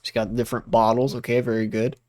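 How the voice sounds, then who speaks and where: Fast and slightly mellow, a young streamer's medium-pitched voice shows little pitch movement as he reacts to what's on screen. He rambles casually, swearing, using lots of fillers and breaking into laughter.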